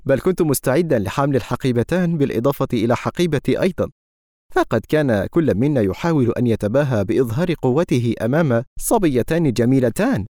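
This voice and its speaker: A man's voice: medium pitch, lively intonation, fast, dark tone, no room sound, studio quality, natural voice. A man reading an audiobook, voicing an earnest young man who speaks insistently. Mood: cheerful.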